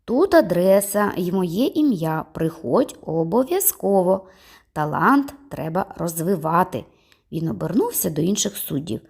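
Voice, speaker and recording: A woman reading a children's story aloud, voicing the characters in livelier, higher tones. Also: unhurried, gravelly, breathy edge. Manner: lively, voices characters with raised pitch. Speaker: audiobook reader. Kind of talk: storybook narration with voiced dialogue.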